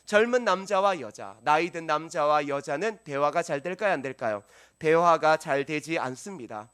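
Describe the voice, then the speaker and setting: A male pastor delivers a sermon in a church sanctuary. His voice sits fairly high for a man. He preaches earnestly and keeps turning to the congregation with questions. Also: moderate pace, fairly bright tone, clean tone.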